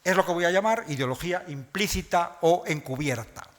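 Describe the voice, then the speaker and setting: A man's voice: high-pitched, lively intonation, brisk. Man lecturing in a reverberant hall. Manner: didactic, addresses audience directly. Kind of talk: public lecture on language.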